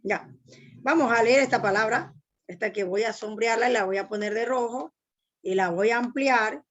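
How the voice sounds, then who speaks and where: A woman's voice: fairly high pitch, normal speed, muffled recording. A woman teacher giving an online language lesson, patiently explaining step by step and asking students to read aloud.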